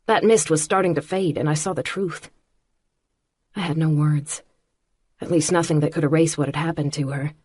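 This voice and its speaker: Low, husky woman narrating. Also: steady tone. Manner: measured, quietly intimate reading. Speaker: audiobook narrator. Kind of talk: first-person audiobook narration.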